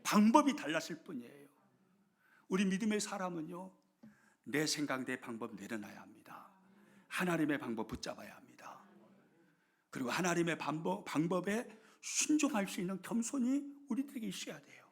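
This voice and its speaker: A middle-aged man preaching a sermon as pastor, telling a story dramatically and moving from loud to hushed. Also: high voice, expressive, a little fast, gravelly, husky. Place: church sanctuary.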